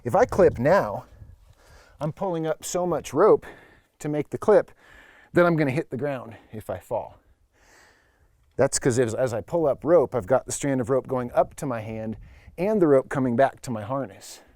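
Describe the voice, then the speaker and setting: A man's voice: medium pitch, expressive, moderate pace, a little mellow, no room sound, studio quality. A man teaching as an instructor during a hands-on demonstration, explaining things in a plain-spoken way. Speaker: climbing instructor. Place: at a climbing wall or crag, speaking while climbing.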